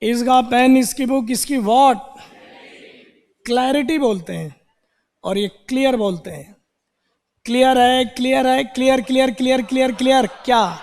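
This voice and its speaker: A man with a very high voice teaches an English grammar class at an unhurried, deliberate pace. He drills words by repeating them several times, then asks his own questions and answers them. His voice rings with the long reverb of a big hall. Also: vocal fry.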